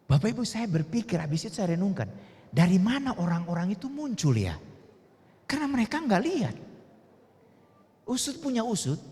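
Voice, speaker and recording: Animated male preacher in echoing church. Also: moderate pace, pauses often. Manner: animated storytelling, voices quoted people at high pitch. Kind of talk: sermon with storytelling and closing prayer. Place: church service hall. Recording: long church reverb.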